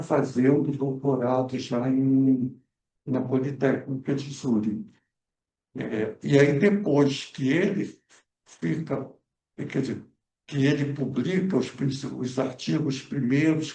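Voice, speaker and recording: A man whose voice is mid-range and dark in tone discusses history as a guest researcher at a film club debate, with plenty of fillers and restarts. The recording comes from an echoey cultural center event room, with the speaker far from the mic.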